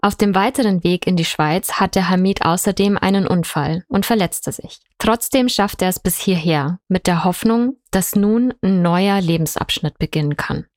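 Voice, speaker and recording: Woman reading a news story, calm and clear, dry close mic. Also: on the low side, normal speed, hardly any pauses, no room sound. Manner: calm, explanatory. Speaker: reporter narrating a story. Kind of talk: scripted narration.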